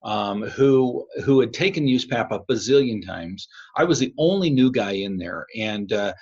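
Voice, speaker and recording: A man's voice: lowish voice, animated, moderate pace, darkish tone, husky. An American man hosting a podcast in casual talk, with a tinny sound as if in a tin can, picked up by a laptop microphone. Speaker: podcast host. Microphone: laptop built-in microphone.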